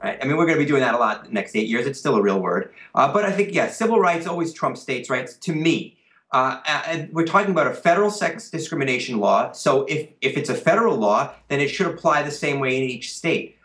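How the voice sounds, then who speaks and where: A man, a history professor appearing as an interview guest, speaking in a measured, thoughtful way with hesitations and restarts. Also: medium pitch, lively intonation, a bit bright, roomy sound. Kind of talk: remote interview.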